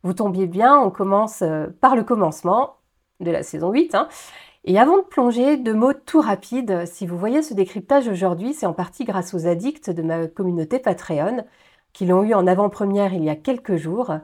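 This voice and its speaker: A woman speaking to her viewers as the host of her own review channel. Her delivery is animated and expressive, rising with excitement at the big points. She drops in small hesitation fillers as she works through her thoughts. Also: medium pitch, moderate pace. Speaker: YouTube host reviewing episodes of a TV series. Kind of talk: enthusiastic video commentary, partly scripted.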